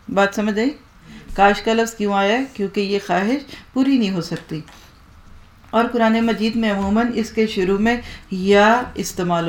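A woman teaching Quranic Arabic grammar to a class, explaining patiently and asking the students to repeat after her. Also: medium pitch. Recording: echoey room.

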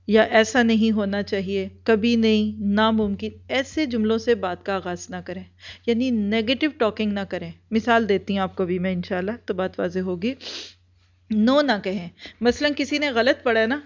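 A woman with a somewhat high voice trains group leaders in an earnest instructional talk. She repeats her points and backs each one with everyday examples. The recording sounds dull and lo-fi.

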